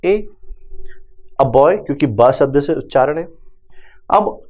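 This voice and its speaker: A man's voice: mid-range voice, lively intonation, slow pace, a little mellow. A male teacher gives a grammar lesson, asking questions and answering them himself. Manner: calls students "beta".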